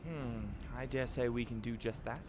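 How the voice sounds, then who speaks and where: A man's voice: mid-range voice, fairly even intonation, moderate pace, a little hiss or hum, natural voice. A man reading the lines of a formal ancient scholar-mage from a game, in stately archaic phrasing. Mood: measured. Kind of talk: reading game dialogue aloud.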